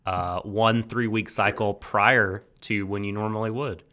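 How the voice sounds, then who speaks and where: A man co-hosting a casual podcast chat, chatty and quick to laugh. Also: on the low side, steady tone, bright, forceful tone. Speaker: podcast co-host.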